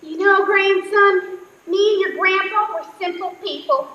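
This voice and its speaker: A woman's voice: very high-pitched, a little slow, lo-fi sound. A woman playing a forgetful, widowed old farm grandmother, folksy and wistful, in a comic stage play. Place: theatre stage. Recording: roomy theatre stage sound.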